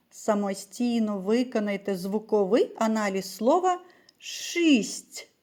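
A woman teacher giving a slow, sing-song early-years literacy lesson, speaking to small children. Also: fairly high pitch, a little mellow.

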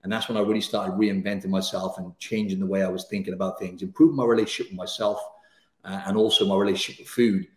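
A man in his thirties with a Welsh accent softened by years in Australia, a fitness coach chatting as a guest on a video call in a casual, upbeat way, full of "you know" and "right". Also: sits low, steady tone, quick pace, echoey room. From Wales. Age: 30s. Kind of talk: casual interview chat. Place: home room, indoors. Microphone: studio mic on video call.

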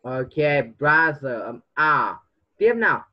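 A man's voice: mid-range voice, big pitch swings, slow pace. Patient male tutor on a dull line. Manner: patient, coaxing, mixes English prompts into teaching. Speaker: English tutor. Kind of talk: online one-on-one tutoring.

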